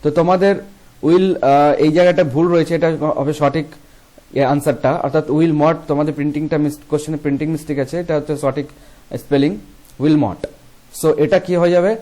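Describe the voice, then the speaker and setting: A man's voice: a little high, steady tone, mellow. Man teaching with a Bengali accent. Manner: switches between Bengali and English; reads questions slowly, explains in quick bursts. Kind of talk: exam question walkthrough.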